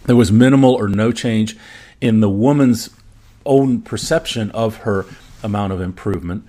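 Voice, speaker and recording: This fairly low-voiced man, a native German speaker, sounds warm as he appears on a podcast in the role of medical expert. Chatting informally, he walks through research evidence calmly and hedges each point along the way.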